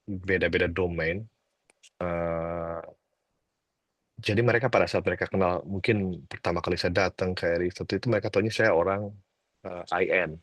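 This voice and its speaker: A middle-aged man giving casual advice, talking in a relaxed, hesitant way with lots of fillers and English words mixed in. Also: sits low, no echo, clean studio sound. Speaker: guest advisor on working abroad. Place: lives abroad, talks from home.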